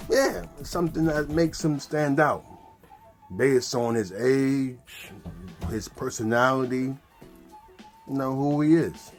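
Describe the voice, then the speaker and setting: A man's voice: mid-range voice, slow pace, long pauses, faint music behind. Upbeat, slangy ventriloquism teacher man. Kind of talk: casual tutorial.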